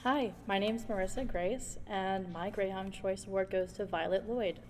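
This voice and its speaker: A woman's voice: medium pitch, fairly even intonation. Young first-year female teacher reading a formal award speech in a long-reverb hall with faint noise. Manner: measured, formal, heartfelt.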